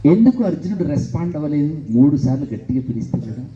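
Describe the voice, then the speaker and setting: A man's voice: on the high side, quick pace, highs cut off. A man giving a motivational speech to students in a school hall, telling stories with lots of repetition. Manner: animated storytelling, repeats phrases. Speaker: motivational speaker.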